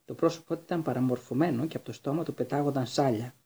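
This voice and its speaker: Male storybook narrator, steady measured reading, dark tone, husky. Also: medium pitch. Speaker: audiobook reader.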